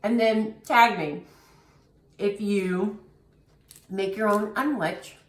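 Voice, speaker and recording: A woman's voice: mid-range voice, slow. A woman giving a casual cooking demonstration, chatty and encouraging as she talks viewers through each step while working with her hands. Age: adult. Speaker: dietitian demonstrating a recipe. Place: kitchen. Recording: roomy, mic at a distance.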